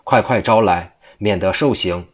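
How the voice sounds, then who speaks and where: A man's voice: on the low side, moderate pace, natural voice. A man reading the lines of an eccentric, mocking monk who questions sternly.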